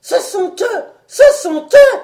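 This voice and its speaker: A woman voicing an excitable, commanding male scientist who gives loud, urgent exclamations in an audiobook. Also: very high voice, slow pace, reverberant, pitched above the performer's own voice, exaggerated voice. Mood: alarmed.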